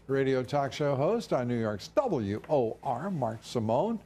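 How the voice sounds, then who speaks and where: An older male TV news host who leads a panel and pauses often with fillers. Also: mid-range voice, big pitch swings, dark tone, breathy edge. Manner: hesitant with many fillers. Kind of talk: cable news anchor segment.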